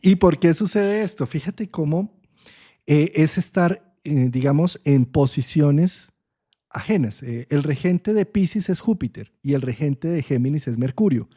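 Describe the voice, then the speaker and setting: A man, an astrologer, explaining ideas in a relaxed conversation, often checking in with a quick "right?" and thinking aloud with pauses. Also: a little high. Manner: frequent "¿sí?" checks, thoughtful and expressive. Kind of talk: conversational explanation in an online talk.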